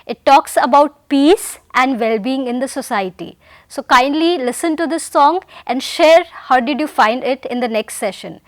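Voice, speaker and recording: The recording is clean studio sound with no echo, carrying a woman's high voice at normal speed. She is teaching German vocabulary in English for a recorded lesson, patiently repeating each word and sentence and calling her learners dear friends.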